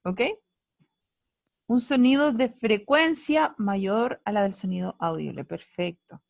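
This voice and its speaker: A woman's voice: mid-range voice, takes it slowly, gravelly, no echo, clean studio sound. A woman teacher giving an online physics class, playful and teasing, asking students many questions. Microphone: computer mic on a video call.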